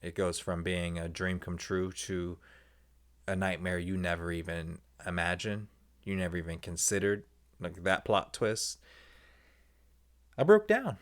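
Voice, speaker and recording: Male podcast host, deep voice, candid rambling monologue with animated high-pitched story moments. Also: a little slow. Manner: animated, swings into high excited tones when telling anecdotes; candid, conversational, with many fillers and asides.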